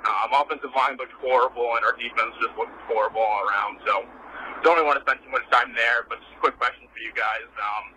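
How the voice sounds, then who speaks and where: A man from Boston leaving a casual voicemail over a clipped phone line while driving in his car, pausing often with "um". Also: mid-range voice, background noise. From Boston, Massachusetts. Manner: halting, with frequent "um" pauses.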